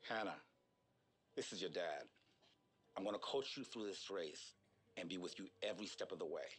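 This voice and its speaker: A man speaking as a father, calmly coaching his daughter through a race. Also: sits low, normal speed, slightly rough. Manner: calm, encouraging. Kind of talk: scripted motivational voice-over.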